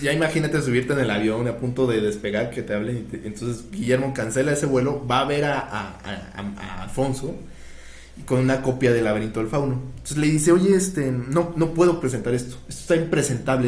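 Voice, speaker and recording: A man's voice: mid-range voice, fairly quick. A man, casually telling film anecdotes on a podcast and acting out the quoted dialogue. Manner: animated retelling, acts out quoted dialogue. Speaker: guest telling film history. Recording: echoey room, faint ambient noise.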